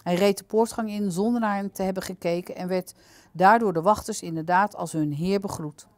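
Calm woman reading a storybook aloud. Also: mid-range voice, fairly quick, no echo. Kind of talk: reading aloud from a children's book.

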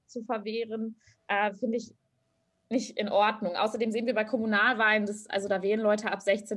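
Young woman, activist, slightly high voice, lively, english phrases mixed in, video call from home. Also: breathy edge. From Germany. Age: young adult. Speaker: activist, panel guest. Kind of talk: online panel discussion. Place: small room at home.

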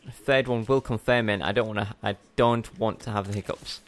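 A man's voice: on the low side, steady tone, fairly quick. A young man giving casual gameplay commentary as a let's play host, chatty and rambling, often correcting himself mid-sentence.

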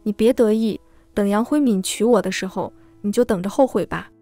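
A woman's voice: mid-range voice, brisk, mellow, soft background music, natural voice. A woman voicing a defiant, indignant wife in a read-aloud story. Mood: angry. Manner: indignant, spiteful. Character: furious, defiant cheating wife.

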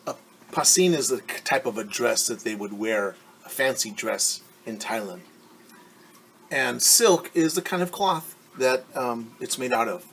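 This storytime comes from a middle-aged man, a teacher, reading a picture book to children in his living room and stopping to give simple, patient explanations. His medium-pitched voice is expressive and a bit bright, slowish, with vocal fry. Slight background noise is present.

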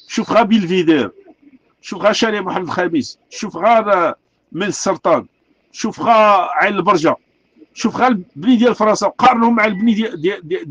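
Fiery, fast-talking Moroccan man ranting. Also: sits high, a bit bright, slightly rough, dull audio. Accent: Moroccan Arabic. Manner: angry, repetitive, rhetorical questions. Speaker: street artist speaking out. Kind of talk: impassioned rant.

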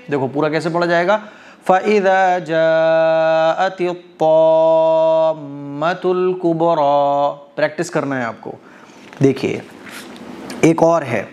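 A man's voice: a little high, gravelly, lo-fi sound. Patient man teaching Quran recitation. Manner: explains step by step, often checks understanding; chants verses slowly with drawn-out vowels. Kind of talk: tajweed lesson.

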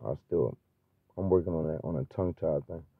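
Deep gravelly man preaching over a tinny line. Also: dry recording. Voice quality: stutters. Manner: halting, many fillers and restarts. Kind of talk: informal freestyle preaching. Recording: tinny phone-like, dry.

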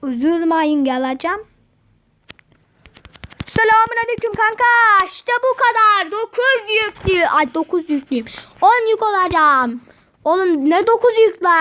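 A woman giving excitable, slangy commentary while playing a mobile game, often repeating words in chants. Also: very high-pitched, a little slow. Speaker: gaming channel host.

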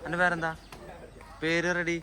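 A man's voice: a little high, monotone, moderate pace. A man with a northern Kerala Malabar Malayalam accent, chatting casually and teasingly as he hosts a vlog. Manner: playful, teasing, chatty with companions and children. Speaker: vlogger showing guests around a resort.

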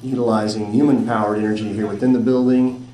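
Low, dry male presenter, roomy sound with faint noise. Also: level tone, quick pace, warm tone. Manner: dry, matter-of-fact. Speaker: presenter at a job site. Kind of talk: mock reporting. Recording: echoey room, faint noise.

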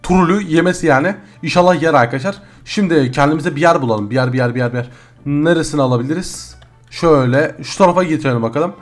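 A chatty man hosting a gaming video, narrating each step and calling out to his viewers as friends. He talks quickly in a slightly high voice. Faint music runs underneath. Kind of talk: casual gameplay commentary.

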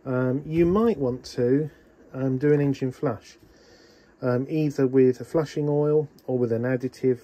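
A boat owner with a medium-pitched, dark, steady voice explains changing his engine's oil at a measured pace. He chats practically with many ums, holding a phone in one hand inside a small cabin.

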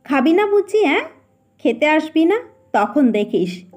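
A woman's voice: big pitch swings, unhurried, a little mellow, soft background music. A woman doing a scolding, hot-tempered mother. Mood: furious. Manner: shrill scolding, harsh. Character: middle-aged mother, harried and hot-tempered.

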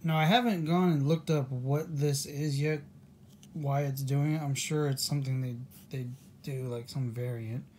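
A man co-hosting a casual home video with his wife, talking in a relaxed, rambling way and restarting sentences as he thinks aloud in a room at home. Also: on the high side, moderate pace, slight background noise. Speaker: coin-collecting vlogger, co-host with his wife. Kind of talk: casual chat.

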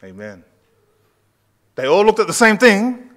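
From the back of the church, a far camera records a male pastor in his thirties giving a conversational sermon and posing questions to the congregation. His high voice swings widely in pitch, moves a little slowly, and sounds fairly bright.

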